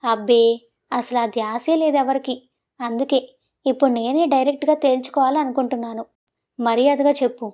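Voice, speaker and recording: A bold young woman in a romantic audio story teases and coaxes the man she loves, playful and pushy, as a woman narrator puts her on. Her voice is high and mellow. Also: fairly even intonation, moderate pace, long pauses, lightly acted. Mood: insistent. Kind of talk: storybook voice acting.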